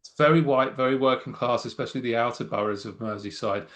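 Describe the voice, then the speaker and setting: Talking fast in a mid-range, somewhat bright voice, a middle-aged man offers conversational expert analysis as a political science guest. His English accent is non-Mancunian, and his wry, thoughtful remarks come with frequent fillers and restarts.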